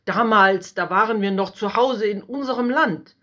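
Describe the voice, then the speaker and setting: Woman doing excited wise men, eager, a bit higher voice, storybook. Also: moderate pace, close to an everyday voice. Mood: earnest. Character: group of wise male stargazers, eager.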